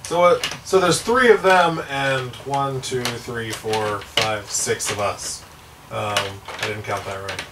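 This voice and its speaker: A man's voice: medium pitch, takes it slowly. A man playing a tabletop game, chatting casually and thinking his plans aloud. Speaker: player. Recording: distant mic with hiss.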